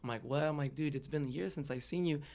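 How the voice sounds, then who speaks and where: On the high side and somewhat dark in tone, this fast-talking young man comes from the Los Angeles area and has a Southern California American accent. He's a podcast guest telling his own story in an open, informal, slangy, conversational interview.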